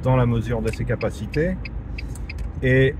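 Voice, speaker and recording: An unhurried French religious teacher with a mid-range voice gives an informal spoken lesson while sitting in a car in traffic. His talk is conversational, full of fillers and restarts, and he repeats key points for emphasis. Road noise can be heard in the background.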